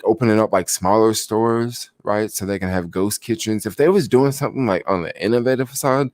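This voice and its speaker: A sleepy young stock vlogger chats casually on a livestream, rambling with lots of fillers, answering viewers, and yawning. His voice is on the low side, creaky, and a little mellow. The recording is dry with clean studio sound.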